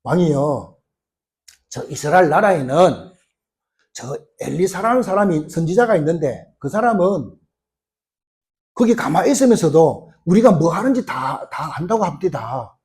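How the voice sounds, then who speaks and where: A man's voice: a little high, animated, normal speed, a little mellow, lightly acted. A man preaching voices a respectful male court servant making a report to his king. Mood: deferential.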